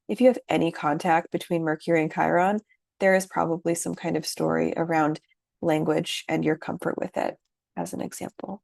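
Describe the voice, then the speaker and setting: Gravelly, low-voiced woman teaching astrology. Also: no room sound, studio quality. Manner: gentle, reflective, with frequent fillers. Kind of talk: lecture.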